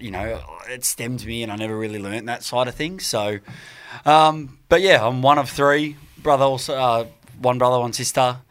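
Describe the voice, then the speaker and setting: A man's voice: fairly low pitch, a bit bright. A man in his late twenties with an Australian accent, chatting casually as a podcast guest and rambling through his stories, often repeating words. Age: 20s. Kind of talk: casual chat.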